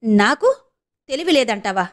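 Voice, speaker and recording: Brief: defiant teenage girl, shouting, high voice, read by a woman. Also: expressive, moderate pace, close to an everyday voice. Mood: furious. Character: fiery stubborn teenage girl.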